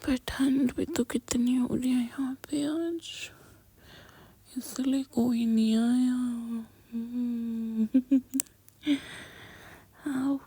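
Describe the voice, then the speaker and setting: Whispering softly right against the mic, a woman plays out an intimate girlfriend roleplay addressed directly to the listener. Her high, husky voice comes through with no echo.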